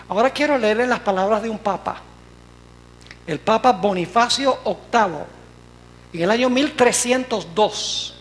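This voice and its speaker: A preacher delivers a sermon with steady emphasis and a mid-pitched voice. He draws out key words when reading quotations and turns to the congregation with rhetorical questions. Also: low-quality recording. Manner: emphatic, slows down to stress quoted words; asks the audience rhetorical questions. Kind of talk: sermon with read-out quotes.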